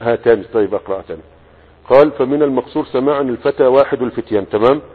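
Husky-voiced Egyptian sheikh teaching grammar, phone-like sound. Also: male voice, mid-range voice, rapid-fire. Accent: Egyptian Arabic. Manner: reads the text, then explains in colloquial asides with checks to students. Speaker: teacher of Arabic morphology. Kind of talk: classical text lesson. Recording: husky voice, echoey hall, phone-like band.

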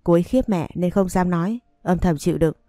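A woman's voice: fairly low pitch, brisk, mellow, dry recording, soft background music, close to an everyday voice. Woman voicing a stubborn heartbroken young man. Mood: pleading.

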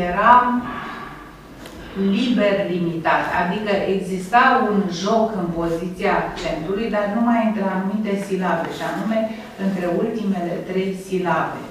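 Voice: medium pitch, a little hiss or hum. Echoey, distant university lecturer. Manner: patient explanation, slows to sound out examples, checks in with "da?" and "nu?". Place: classroom or lecture hall. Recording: very echoey room recorded from a distance.

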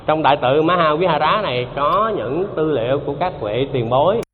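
A man's voice: a little high, animated, brisk. A man giving a Buddhist dharma talk, conversational, repeating himself and quizzing his listeners. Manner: conversational, repeats himself, asks the audience questions. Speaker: Buddhist teacher. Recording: dull lo-fi hall recording with faint noise.

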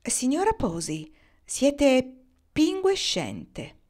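A woman reading aloud voices a serene, sly young woman who speaks calmly and spells out her words with care. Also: medium pitch, close to an everyday voice. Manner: calm, deliberate, enunciating.

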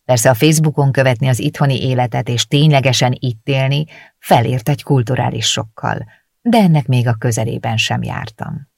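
A woman reading a novel aloud in the first person, with reflective, steady storytelling into a close studio mic. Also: extremely low pitch, vocal fry, no room sound. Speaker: audiobook narrator.

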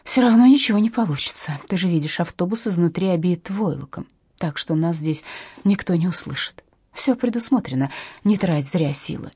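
A woman voicing an irritable, sharp-tongued woman who snaps indignantly, in an audiobook. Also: fairly low pitch, lively intonation, moderate pace, slightly rough, no echo, clean studio sound. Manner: snappy, indignant.

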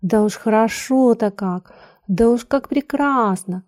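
A woman's voice: on the high side, slow, darkish tone. A woman voicing a good-natured old woman cook who fusses and exclaims. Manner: fussing, exclaiming.

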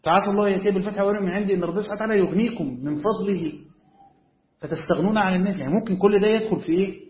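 A man's voice: sits high, steady tone, racing. A man with an Egyptian Arabic accent teaching as a sheikh, explaining a text step by step and often checking whether his students follow. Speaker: sheikh teaching Quran commentary. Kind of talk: classroom lecture on a text. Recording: echoey room, dull lo-fi sound.

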